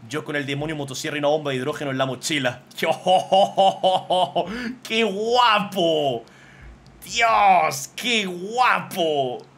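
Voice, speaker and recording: A man, casually commentating on fan drawings as a streamer, excitable and swearing freely. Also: medium pitch, a little hiss or hum.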